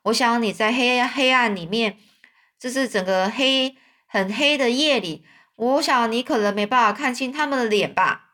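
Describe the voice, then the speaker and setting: A woman's voice: fairly high pitch, moderate pace, sharp tone. A woman voicing a kindly, talkative old man in a storybook reading. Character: kind old man, warm father.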